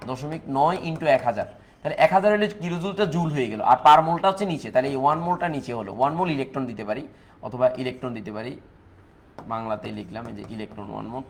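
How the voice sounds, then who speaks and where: A man with a mid-range voice and a Bangladeshi Bengali accent speaks rapid-fire while teaching chemistry in a live online class, with a slight hiss or hum in the audio. He works through calculations step by step, repeats key points, and answers viewers' comments.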